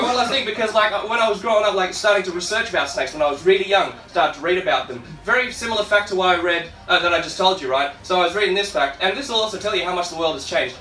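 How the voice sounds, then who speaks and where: Heard from a distant mic in a noisy, echoey live comedy room, this Australian comic's voice sits high, bright and forceful. He's sweary and informal with his accent on display, tossing asides to the crowd during his stand-up set.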